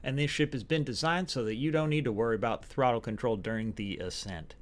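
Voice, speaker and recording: A man's voice: medium pitch, fast, natural voice. A man putting on a folksy Southern flight instructor. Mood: instructive. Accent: put-on American Southern. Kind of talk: reading game tutorial text aloud in a put-on voice.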